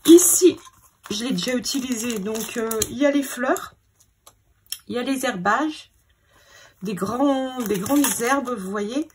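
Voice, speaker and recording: A woman's voice: a little high, a little slow, long pauses, a little mellow, a little hiss or hum. A woman hosting a scrapbooking video, thinking aloud in a hesitant, casual way as she sorts her papers. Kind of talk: casual crafting commentary.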